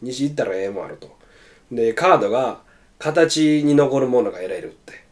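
A man with a Kansai accent telling funny stories in casual chat as a radio host, animated and laughing often. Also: medium pitch, fairly quick. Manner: animated storyteller, bursts into laughter.

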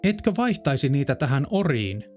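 A man's voice: mid-range voice, big pitch swings, darkish tone, faint music behind, natural voice. A man voicing a curious, folksy country man leading a horse in a fairy-tale reading.

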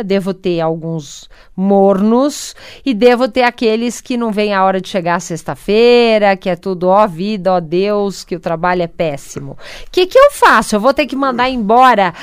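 A woman's voice: medium pitch, clear, resonant tone, dry recording, clean studio sound. A woman with a Brazilian Portuguese accent hosting an interview, thinking aloud as she builds her probing questions. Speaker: interviewer, host.

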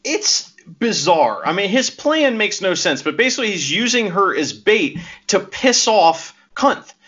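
Podcast co-host, male, bright and lively, laughs a lot, dull lo-fi recording. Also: high-pitched, a little slow, slightly rough. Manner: animated, laughs often, acts out quoted lines. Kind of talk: casual movie recap chat. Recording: dull lo-fi audio.

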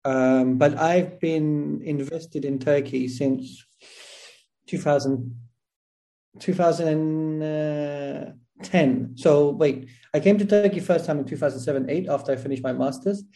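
South London man, mellow voice. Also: on the high side, unhurried. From South London, England. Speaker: interview guest, academic historian. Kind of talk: conversational interview answers.

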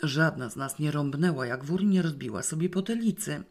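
A woman reading a first-person novel aloud in a wry, lively storytelling manner. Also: low voice, fairly quick. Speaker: audiobook reader. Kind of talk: first-person literary narration.

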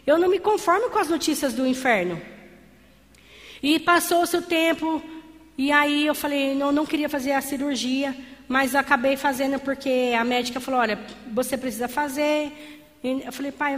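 A woman giving a fervent sermon-style testimony in church, calling her listeners beloved. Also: high-pitched. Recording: long hall reverb.

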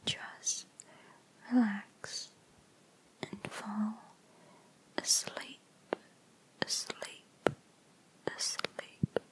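A female ASMR creator whispers close to the microphone in an airy, breathy, almost unvoiced way, lingering on each word at a very slow pace. Her pitch is medium and her tone level. The piece is a gentle, lulling comfort roleplay meant to soothe.

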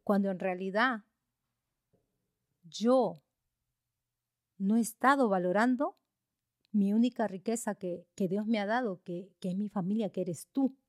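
A woman's voice: mid-range voice, unhurried, long pauses, darkish tone, dry recording, close to an everyday voice. A grumbling, overworked father who resents losing his day, as a woman acts him out in a story. His lines sound close and dry, with no room around them. He keeps muttering about his lost time. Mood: remorseful. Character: frustrated busy father, later remorseful.

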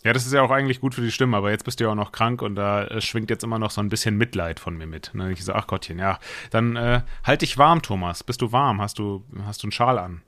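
A man's voice: on the low side, fast talker, few pauses, fairly bright tone, no room sound. Dry-recorded man hosting a casual podcast. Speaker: podcast host.

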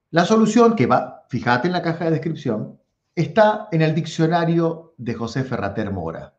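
A man with a Rioplatense Spanish accent, a philosophy teacher giving a lively lecture and speaking straight to his viewers, often repeating words to stress them. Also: medium pitch, echoey room, dull audio. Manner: animated, addresses viewers directly, repeats words for emphasis.

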